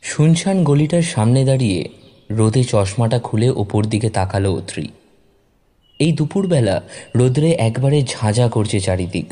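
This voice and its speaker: A man reading a story aloud in a measured, expressive narration. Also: mid-range voice. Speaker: story reader. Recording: narration over background music.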